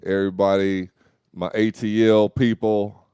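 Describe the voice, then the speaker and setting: A young man co-hosting a casual talk show, talking in loose slang and telling animated stories. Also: lowish voice, a little slow, clear, resonant tone, no room sound, clean studio sound. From Dallas, Texas. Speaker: host. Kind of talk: casual podcast chat.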